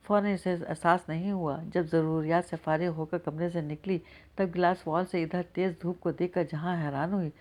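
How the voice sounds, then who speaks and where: Woman narrator with a slightly low voice. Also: a little mellow. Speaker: audiobook narrator. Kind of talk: scripted novel narration.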